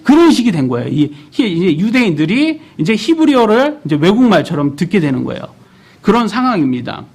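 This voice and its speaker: A man in his thirties delivers a sermon in a church, his voice pitched high and swinging through a wide, lively range. He keeps turning to the congregation with questions. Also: a little fast. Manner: animated, asks the congregation questions. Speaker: preacher.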